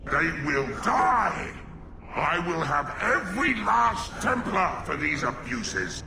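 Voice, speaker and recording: A man's voice: high-pitched, sing-song, takes it slowly, gravelly, sharp tone, full character voice. A man playing a vengeful, righteous spirit possessing a human in a video game, making menacing, thunderous declarations. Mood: vengeful fury. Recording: echoing, noisy game capture.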